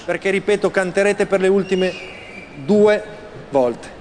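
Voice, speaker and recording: A man's voice: high voice, a little slow, over a noisy crowd. A man presenting as host of a competition, giving instructions to those taking part. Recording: loud studio audience behind the voice.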